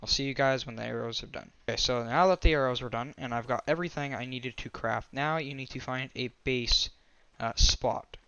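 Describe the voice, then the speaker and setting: A man's voice: mid-range voice, fairly quick, hardly any pauses, sharp tone, smooth, no room sound, dull audio. A man giving a casual voice-over game tutorial, rambling and often restarting or correcting himself. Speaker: gaming tutorial creator.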